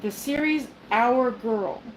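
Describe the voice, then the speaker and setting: A woman's voice: a little high, takes it slowly, a little hiss or hum, rough recording. An older woman hosting a casual livestream chat, rambling along with lots of fillers, restarts and little laughs. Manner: rambling, chatty, self-interrupting with fillers and laughs. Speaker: livestream host. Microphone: phone.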